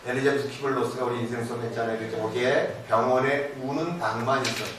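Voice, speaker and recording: A man giving a live parenting lecture to an audience, animated, asking questions and answering them himself, moving between casual and polite speech. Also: medium pitch, quick pace. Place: lecture hall. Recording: very echoey hall, distant mic, noisy.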